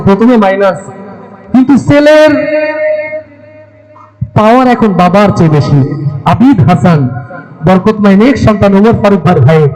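A man's voice: high voice, a little mellow, rough recording. A man at a religious gathering who speaks from the stage through a microphone and sound system, calling out to the crowd to answer him, then singing a devotional song. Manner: rousing, calls out to a crowd. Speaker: gojol singer at a religious gathering. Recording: music clearly behind the voice. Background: music.

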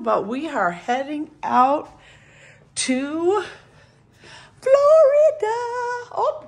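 Chatty upbeat woman vlogging on her phone. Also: a little high. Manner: chatty, upbeat, addressing viewers directly. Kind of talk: casual vlog tour. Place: apartment indoors, later a car. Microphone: phone at arm's length.

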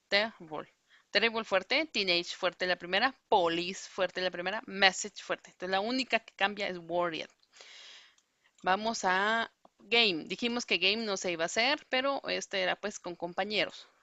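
Slow-paced, bright-voiced woman teacher. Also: medium pitch, dry recording, muffled recording. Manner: explains in Spanish, models English words slowly and repeats them. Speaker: English teacher. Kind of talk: online class walkthrough.

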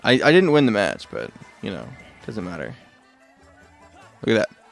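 Low gravelly streamer, rambling chat. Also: male voice, wildly swooping pitch, normal speed, soft background music. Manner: rambling, self-correcting, muttering asides. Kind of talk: casual live gameplay chat.

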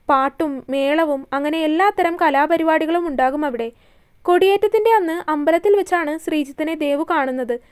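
A woman narrating a romantic serial story in a soft, steady storytelling manner. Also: very high-pitched.

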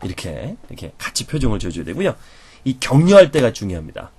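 A male professor teaching a lecture in a slightly husky voice that swings up and down in pitch all the time. He is animated and acts out everyday reactions as he explains them. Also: fast. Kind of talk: lecture on conversation skills.

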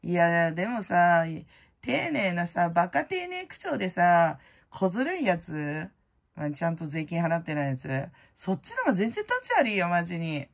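Blunt, rambling woman with a gravelly low voice. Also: sing-song, normal speed. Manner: rambling, blunt, slangy, many fillers; loud-voiced by her own account. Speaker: prize-winning vlogger host. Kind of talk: casual chat.

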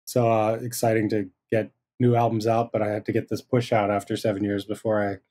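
A man talking casually as a podcast guest, relaxed and rambling, with fillers and restarts. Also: lowish voice, fairly quick. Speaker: guest, hardware designer. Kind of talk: casual interview chat.

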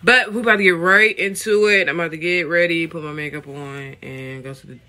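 A man's voice: fairly high pitch, steady tone, a little fast, pushed and bright. A man in his late twenties chatting animatedly to his viewers in a casual vlog, calling them y'all. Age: late 20s. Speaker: vlogger.

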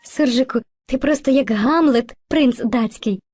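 A woman's voice: high-pitched, measured pace, no room sound, studio quality. A woman voicing Movka, a kind female spirit of language who teaches and narrates patiently in an educational cartoon. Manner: patient, gently instructive, addresses children fondly.

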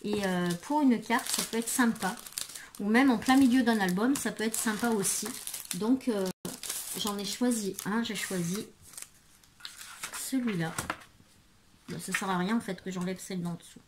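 A woman presenting craft supplies in a casual video, hesitant and full of fillers, murmuring softly while she handles things. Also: mid-range voice, moderate pace, long pauses, noisy background. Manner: hesitant, many fillers and restarts. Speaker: craft vlogger. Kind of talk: casual product show-and-tell.

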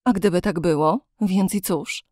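Casting: a woman doing a young heroine, passionate and bitter, defiant, lively reading in a dry audiobook. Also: medium pitch, a little slow, dry recording, close to an everyday voice. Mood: impassioned.

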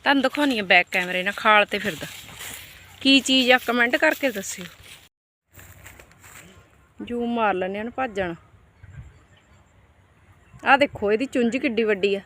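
Doing farm chores outdoors, a vlogger who is a mother talks casually to her camera and family in a rural Punjabi accent. Her tone is homely and exclamatory, with some village-style grumbling. The voice sits a little high, pushed and bright, at normal speed with frequent pauses.

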